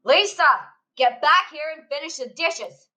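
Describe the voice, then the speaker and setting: A bitter, crass middle-aged mother, played by a woman, nags and scolds her children in a student radio play. Her voice is bright and pitched a little high. She speaks slowly, with sarcasm in every line. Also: lively intonation, rough recording. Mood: sarcastic.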